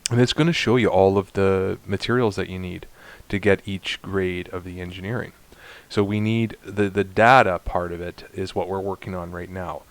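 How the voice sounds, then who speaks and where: A man narrating a space game walkthrough, explaining steps to viewers in a chatty, instructive way and getting excited at times. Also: sits low, normal speed. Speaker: gaming YouTuber. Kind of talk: let's play walkthrough commentary.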